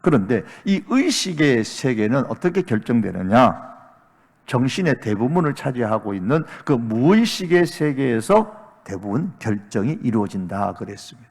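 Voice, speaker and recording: A middle-aged man, a senior pastor, preaching a Sunday sermon, telling a story with acted-out dialogue and building to loud emphatic peaks. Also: mid-range voice, very animated, moderate pace. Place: church sanctuary. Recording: long reverb of a large church sanctuary.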